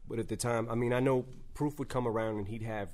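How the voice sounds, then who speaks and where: A man's voice: mid-range voice, fairly even intonation, fast talker, a little mellow. A man speaking as a guest in a casual interview, rambling through his memories with many restarts. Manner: rambling, lots of "you know" and restarts. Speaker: rapper guest.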